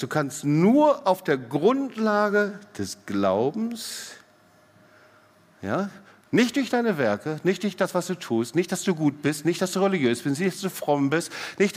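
A middle-aged man preaching a sermon, swinging between loud emphatic rises and soft quiet drops, often putting questions straight to the congregation. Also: mid-range voice. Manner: asks the congregation direct questions. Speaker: pastor. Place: church hall. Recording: long church hall reverb.

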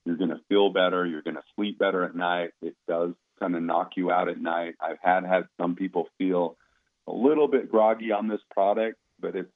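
A man's voice: sits low, fairly even intonation, normal speed. A man in his fifties, a company founder, explaining his products in a casual, easygoing interview with frequent restarts. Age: 50s. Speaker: company founder talking about supplements. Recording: tinny phone-like line.

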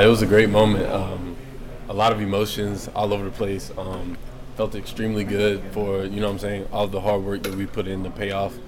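Deep, flat young football player. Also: male voice, noisy background. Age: young adult. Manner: relaxed, says "you know what I'm saying". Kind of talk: post-game interview clip.

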